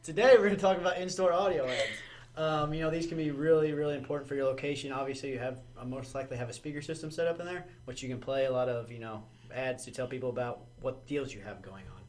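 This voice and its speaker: A man hosting a casual business podcast, relaxed and asking questions with plenty of fillers. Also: medium pitch, quick pace. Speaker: podcast host.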